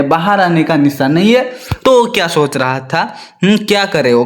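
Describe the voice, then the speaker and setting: Guy teacher going over a kids' story, keeps repeating stuff and asking the children questions, kinda high voice. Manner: repeats lines and quizzes the children. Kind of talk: storybook lesson for young children.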